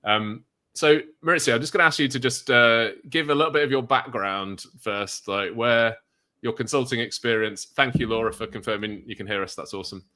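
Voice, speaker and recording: A man's voice: medium pitch, a little fast, bright, forceful tone. A man hosting a live online interview in an upbeat, casual and encouraging way. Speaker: webinar host.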